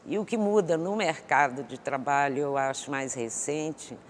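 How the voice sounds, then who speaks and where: A woman guest expert in an interview, answering thoughtfully with many pauses and restarts. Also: sits low. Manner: hesitant, many fillers and restarts. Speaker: economist guest. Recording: long hall reverb with faint noise.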